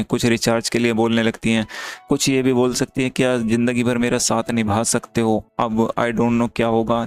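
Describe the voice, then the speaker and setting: A man's voice: mid-range voice, clear, resonant tone. A man narrating chat screenshots in a casual, plain way and talking straight to his viewers. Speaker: YouTube creator giving chat tips.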